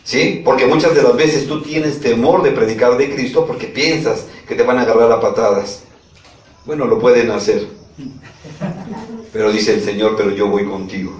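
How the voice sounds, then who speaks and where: A man's voice: medium pitch, steady tone, moderate pace. A male pastor preaching a sermon, reading scripture aloud and often checking in with his congregation. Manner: reads scripture aloud and asks the congregation questions. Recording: echoey room, from a distance.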